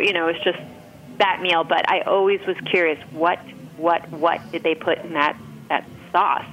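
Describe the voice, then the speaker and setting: A woman with a lowish voice, captured in a muffled recording, chats casually as a podcast guest. She's a food writer, and her talk rambles in an informal way.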